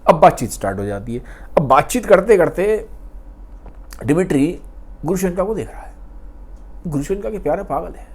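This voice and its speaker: Expressive man retelling a novel. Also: sits high, moderate pace, pauses often, husky. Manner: conversational, expressive, mixes English into Hindi. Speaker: book storyteller. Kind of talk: casual spoken retelling of a novel.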